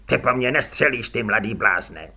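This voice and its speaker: A man reads as a stiff, self-important army captain. The orders come out haughty and clipped. The voice stays bright with a husky edge. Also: fairly low pitch, expressive, exaggerated voice. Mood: stiff commanding.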